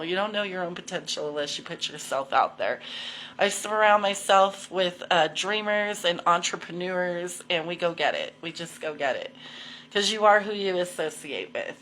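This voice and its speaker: Talking casually to viewers of her live video show, a woman in her forties is candid and slangy, swearing freely and repeating herself for emphasis. Her voice is mid-range with a fairly bright tone, and the recording quality is low.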